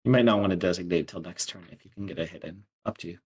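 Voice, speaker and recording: A tabletop game player chatting playfully and offering quick suggestions. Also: low voice, a little mellow, husky. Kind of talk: casual tabletop play.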